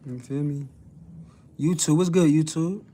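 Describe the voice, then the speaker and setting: A man's voice: a little high, fairly even intonation, measured pace, warm tone. A young man, talking casually to his livestream chat. He brags in heavy street slang, swears freely and reads out viewers' messages as he goes. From New Jersey. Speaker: livestream host.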